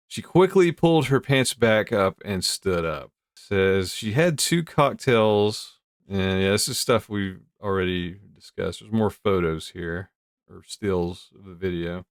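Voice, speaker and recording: Amused low-voiced man, dry close sound. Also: measured pace, clear, resonant tone, dry recording. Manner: amused, easily breaks into chuckles. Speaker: host. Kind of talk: casual commentary while reading news aloud.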